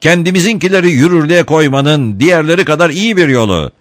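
A man's voice: on the high side, animated, brisk, dry recording, pitched above the performer's own voice, close to an everyday voice. A brash young gang leader jeers and blusters in a voice pushed well above the narrator's own. A male narrator acts him out. His speech rises and falls sharply, mocking and hot-headed. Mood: sneering.

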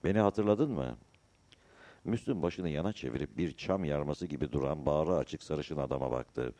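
A man narrating a novel in a measured storytelling manner. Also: very deep voice, mellow. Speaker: audiobook narrator.

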